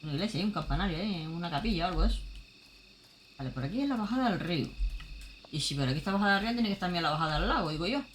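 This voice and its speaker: A woman's voice: on the low side, expressive, very fast, a little hiss or hum. A woman streamer from gives casual commentary on her game. She talks straight to her viewers and thinks aloud. Her voice swoops up and down a lot.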